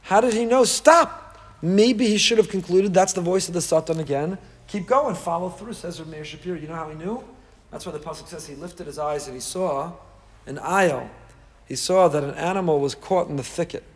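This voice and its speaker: A man delivers a rabbi's sermon, a Torah lecture to a live class, in a slightly high, fairly quick voice with a breathy edge. He is emphatic, repeating key phrases and posing rhetorical questions.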